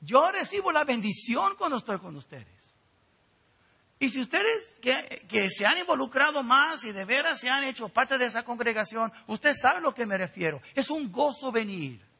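A man delivering a sermon in a high, bright voice that climbs and falls emphasis. His tone is slightly husky. He urges his congregation directly and earnestly. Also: very animated, normal speed. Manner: preaching with rising emphasis and direct appeals to the congregation. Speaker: pastor.

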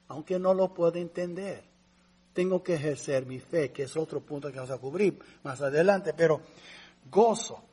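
A man's voice: sits high, a little mellow, husky. A man preaching a sermon in a conversational, emotional way, calling his listeners brothers and asking them rhetorical questions. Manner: asks rhetorical questions to the congregation; emotional, varied delivery. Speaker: pastor.

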